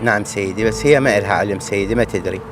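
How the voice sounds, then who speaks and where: A man's voice: fairly low pitch, rapid-fire, soft background music. A middle-aged man with an Iraqi Arabic accent, explaining his part deferentially as an arrested suspect. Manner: deferential short answers and explanations.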